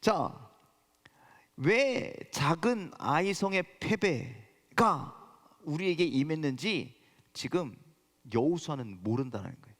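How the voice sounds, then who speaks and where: A man's voice: on the high side, animated, slow pace, a bit bright. A male pastor delivering a sermon and talking directly to his congregation. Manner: preaching with acted-out quotes, addressing the congregation directly. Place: church sanctuary. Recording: long reverb of a church hall.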